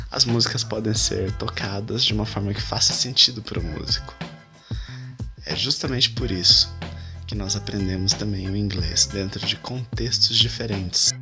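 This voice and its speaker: A man with a lowish voice narrates an explanation in a measured, even way. Clear music plays under him throughout. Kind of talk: voice-over narration.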